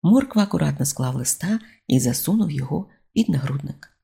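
An audiobook narrator reading a comic fantasy novel in an even storytelling delivery. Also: mid-range voice, fairly quick, creaky, slightly rough.

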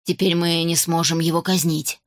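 Storybook figure: a self-important old judge, oily and flattering, voiced by a woman narrator. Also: lowish voice, normal speed, no room sound, clean studio sound, lightly acted. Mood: gloating. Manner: fawning, flattering tone. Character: pompous, cruel old male judge in a wig. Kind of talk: storybook reading.

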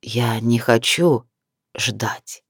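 Brief: fierce possessive werewolf man for an audiobook, dropped low and slow, as the narrator plays him, dry close sound. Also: slightly rough, no room sound, heavily acted. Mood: menacing.

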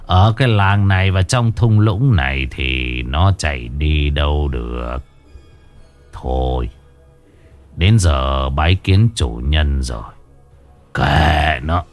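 A sinister old temple abbot in a spoken horror tale, talking low, slow and dismissive, as a man puts him on. His calm hides menace. Faint music runs behind him. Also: lo-fi sound, full character voice. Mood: scornful.

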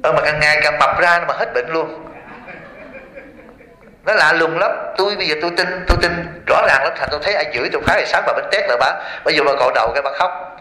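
A man, a Buddhist monk, giving a lively dharma talk to an audience and often asking them questions. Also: on the high side, quick pace, reverberant, rough recording. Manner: lively, asks the audience questions, tells stories with quoted voices.

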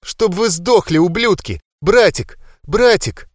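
A man's voice: sits high, very slow, fairly bright tone, smooth, dry recording, clean studio sound, pitched above the performer's own voice, heavily acted. A man voicing a desperate young woman who is crying and pleading in an audiobook.

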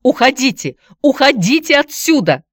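A woman voicing a fussy, protective middle-aged aunt who talks in a shrill, quarrelsome way in an audiobook. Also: big pitch swings, normal speed, dry recording, studio quality, close to an everyday voice. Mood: shrill angry. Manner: shrill, shouting and rattling words off.

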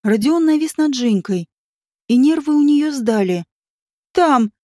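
A woman narrating an audiobook in a steady, even storytelling manner. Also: high-pitched, moderate pace, dry recording, studio quality. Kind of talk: scripted narration.

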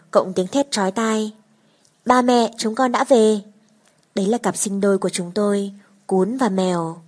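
A woman narrates a serialized story in the first person, keeping an even, steady storytelling pace. Her delivery is measured and scripted, as in an audiobook reading. The voice sits at a middle pitch for a woman.

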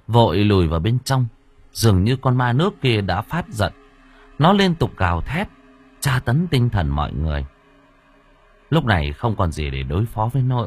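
A man reading a story aloud with dramatic, lively narration. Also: lowish voice, breathy edge. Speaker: audiobook narrator. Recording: faint background music.

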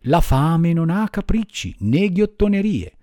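A man voicing a big kindly male pigeon in a low, steady, gently advising storybook voice, recorded dry. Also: a little slow, no room sound. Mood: calm. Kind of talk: audiobook character voice.

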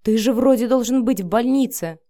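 A woman's voice: a little high, a little fast, no room sound, pitched above the performer's own voice, close to an everyday voice. A woman voicing a fiery, snapping young woman. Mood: furious. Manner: hissing, snapping, shouting. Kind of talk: audiobook character voice.

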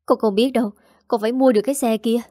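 A woman's voice: on the high side, fairly even intonation, fast, warm tone, dry recording, clean studio sound, natural voice. Woman voicing a whiny spoiled young sister. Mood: whining. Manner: whining, sulky.

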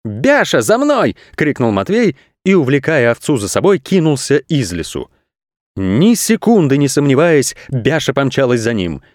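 A man narrating a children's audiobook with expressive, animated storytelling. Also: medium pitch, normal speed, dry recording, studio quality.

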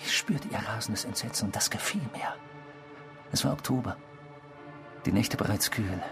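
Music plays in the background as an actor with a lowish, natural male voice portrays a remorseless criminal in a German radio drama. He confesses to a stranger, reminiscing smugly in a measured, provocative, self-satisfied way.

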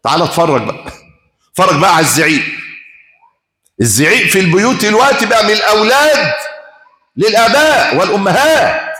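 Impassioned Egyptian preacher, roomy echo. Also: male voice, high-pitched, sing-song, fast, pauses often, bright, forceful tone. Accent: Egyptian Arabic. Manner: impassioned storytelling, rhetorical questions. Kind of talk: Friday sermon.

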